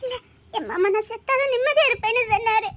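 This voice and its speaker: A woman's voice: very high voice, fast, fairly bright tone. A woman voicing a heartbroken young woman in a drama, speaking with a Tirunelveli Tamil accent in a tearful, pleading way. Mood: hopeless. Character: heartbroken young woman set on ending her life.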